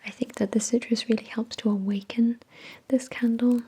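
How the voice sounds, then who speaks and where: A woman hosting an ASMR product review in a soft, breathy whisper, with an unhurried, measured delivery. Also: a little high, fairly even intonation. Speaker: ASMR video host.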